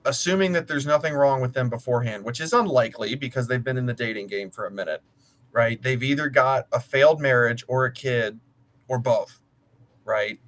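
An American man around thirty chats casually and at length, sounding blunt and profane. His voice sits in the mid range, brisk and fairly bright.

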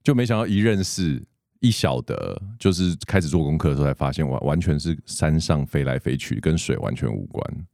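A man's voice: rumbling low, animated, a little fast, vocal fry, a little mellow, no room sound, clean studio sound. A man with a Taiwanese Mandarin accent, hosting a podcast in a conversational way. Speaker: podcast host. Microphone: close podcast microphone with headphones.

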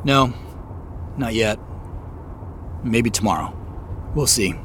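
In a naturalistic audio drama, a male actor plays an anxious, stubborn amateur investigator, sounding tense and insistent. His fairly low, fairly bright voice is animated yet slow, with an earnest, hesitant, conversational delivery. There's slight background noise.

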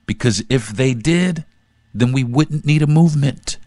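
A man's voice: medium pitch, measured pace, darkish tone, no echo, clean studio sound. A man hosting his own podcast, delivering a fiery, profane, pleading monologue. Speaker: podcast host.

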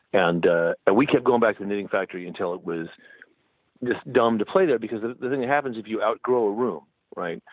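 A man's voice: fairly low pitch, dry recording. A middle-aged male musician talking in a rambling way in a phone interview, often tagging his points with "right?". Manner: rambling, tags statements with "right?". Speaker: touring musician, guest. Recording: dry tinny phone line.

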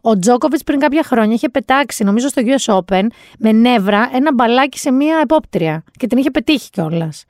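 A woman hosting a podcast, telling stories in a chatty, sarcastic, animated way. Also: fairly high pitch, dry recording, studio quality. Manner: chatty, sarcastic, animated storytelling with quoted voices. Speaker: podcast host. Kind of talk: casual chat recap.

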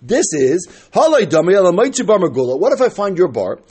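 A man with teaches a religious text aloud. His voice sits high and swings widely in pitch, with a husky edge. He reads a phrase, explains it, then argues it through by posing questions and answering them. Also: sing-song, fast, darkish tone. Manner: argumentative, asking questions and answering them himself. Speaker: Talmud teacher.

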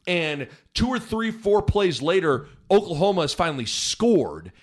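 A man hosting a sports podcast, conversationally retelling a game play by play with excitement. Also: high-pitched, measured pace. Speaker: podcast host.

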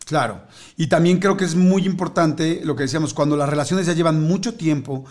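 A man's voice: fairly high pitch, fairly quick, darkish tone. Chatty man telling a story. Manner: rambling, heavy fillers, storytelling. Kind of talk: casual chat.

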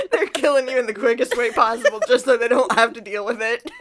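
A woman co-hosting a podcast, reading her old fan fiction aloud with dramatic flair and breaking into laughter. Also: a little high. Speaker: podcast co-host.

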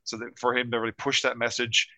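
A man's voice: mid-range voice, level tone, fast talker, bright, forceful tone, dry recording. A man from Canada, a podcast guest, talking earnestly in casual chat. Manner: earnest, many fillers and restarts.

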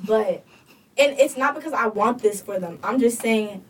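A woman's voice: on the high side, moderate pace, husky, far from the mic, poor audio. A woman co-hosting a podcast, chatting casually and thinking aloud with lots of "like". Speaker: podcast co-host. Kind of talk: casual chat.

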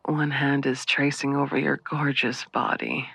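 A man performing an intimate audio roleplay in a soft, breathy half-whisper, slow and lingering. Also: mid-range voice, flat delivery, no echo.

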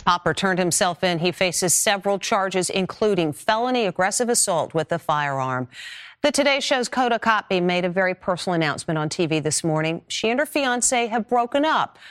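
A woman anchoring a newscast with a brisk, polished delivery. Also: lowish voice, animated. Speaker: news anchor. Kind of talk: newscast presenting.

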